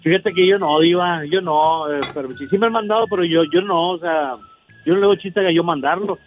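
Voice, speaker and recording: A man calling a radio show, stammering and giggly, with a slightly high voice and clear music playing behind him. He repeats his words as he talks. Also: brisk, narrow, tinny audio. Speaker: caller. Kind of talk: phone-in chat.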